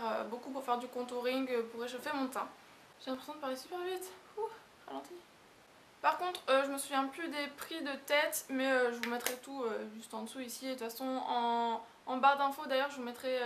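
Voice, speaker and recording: A woman's voice: high-pitched, a bit bright. A woman casually reviewing makeup products in a chatty, rambling, hesitant way. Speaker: beauty vlogger. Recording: echoey room with hiss.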